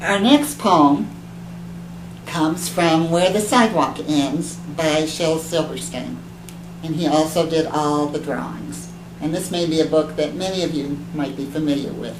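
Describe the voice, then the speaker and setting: A woman from the library staff reading children's poems aloud in a clear, expressive storytelling manner. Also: low-pitched, unhurried. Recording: echoey room with background hum.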